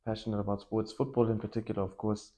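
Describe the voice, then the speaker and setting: A young man from Malawi chats easily about his life in football, his voice sitting a little low. He talks in a loose, animated way, joking and laughing as he goes. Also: fast. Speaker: football coach and academy owner. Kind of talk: casual podcast interview.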